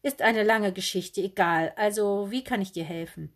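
A woman's voice: mid-range voice, moderate pace, close to an everyday voice. A woman voicing a cheerful, quirky young female bookseller in a kimono, bubbly and breezy. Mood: chirpy. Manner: bubbly, breezy, oddly matter-of-fact.

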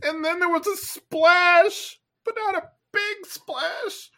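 A woman's voice: very high-pitched, steady tone, slow, bright, forceful tone, full character voice. A woman voicing an anxious male cat who tells a story in a rambling, teary way.

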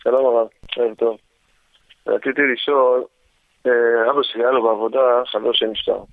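A man phones in to a radio show and politely explains his situation. His voice is mid-pitched and dry. It comes over a thin, tinny phone line. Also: flat delivery, vocal fry, dry recording. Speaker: caller.

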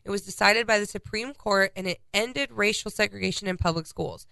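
Congested woman with a gravelly voice. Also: medium pitch, fairly quick, pushed and bright, no echo. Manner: reads out a history timeline of dates. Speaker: podcast co-host. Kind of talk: casual podcast chat.

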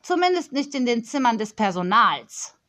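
A woman's voice: on the high side, sing-song, normal speed, bright, forceful tone. A woman voicing a spoiled, bossy ten-year-old girl who talks in a prim, demanding way.

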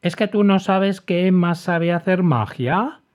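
A man's voice: high voice, a little slow, a little mellow, pitched above the performer's own voice. A man voicing a small, chirpy male bird who speaks in an eager, helpful way. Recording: dull lo-fi recording.

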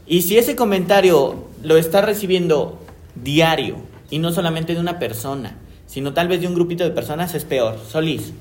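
A man hosting a casual panel talk, speaking in a relaxed, conversational way with casual slang. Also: on the high side, normal speed. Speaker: host.

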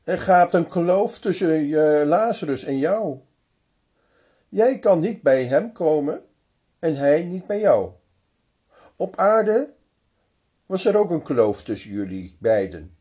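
A man voicing the old patriarch Abraham, kindly welcoming and calmly firm, with slightly raised pitch and a husky tone. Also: slow, long pauses, exaggerated voice. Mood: firm, patient. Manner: hospitable, then calm and firm.

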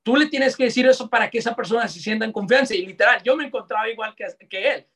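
A young Mexican man with a Mexican accent, giving live online sales coaching in a lively, slangy way that talks straight to his audience. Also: very high-pitched, fast talker, breathy edge. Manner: energetic, slangy, addresses audience directly. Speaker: sales trainer.

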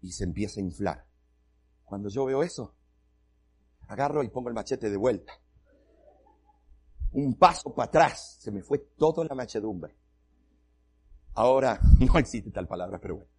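A man's voice: medium pitch, expressive, normal speed, pauses often, darkish tone, breathy edge. A male pastor telling a comic, self-mocking story during a sermon.

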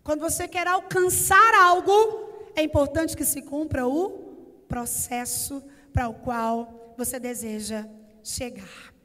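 A woman with a Brazilian Portuguese accent voicing a patient, gentle father explaining things to his son within a sermon. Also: high-pitched, fairly even intonation, unhurried. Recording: echoey church hall.

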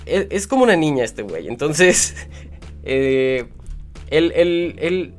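Joking Mexican podcast host, higher voice. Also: male voice, lively intonation, slow, faint music behind. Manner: joking, rambling and self-mocking, laughs often. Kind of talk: casual podcast chat, reading listener stories.

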